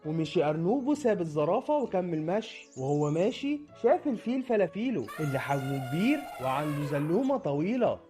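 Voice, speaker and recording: Lively Egyptian storyteller man. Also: a little high, fast, few pauses, faint music behind. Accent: Egyptian Arabic. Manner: lively, friendly, sing-song. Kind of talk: children's story narration.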